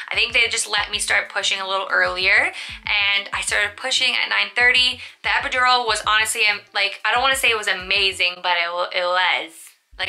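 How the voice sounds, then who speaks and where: A woman's voice: medium pitch, bright, forceful tone. A young woman, a new mother, telling her story in a casual vlog, chatty and rambling with lots of fillers, and sleep deprived.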